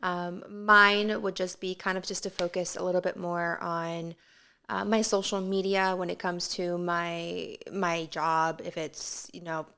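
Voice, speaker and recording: Woman on a podcast, bright smooth voice, rambles along with lots of ums. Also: fairly low pitch, level tone, a little slow. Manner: easygoing, rambling, with many fillers. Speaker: podcast co-host. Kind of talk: casual chat.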